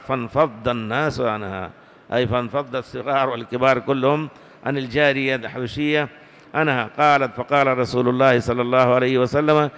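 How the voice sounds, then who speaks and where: A man giving a classical hadith lesson, reading slowly and deliberately and stopping to correct words. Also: medium pitch, a bit bright. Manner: slow, deliberate reading with pauses to correct wording. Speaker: hadith teacher. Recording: long hall reverb.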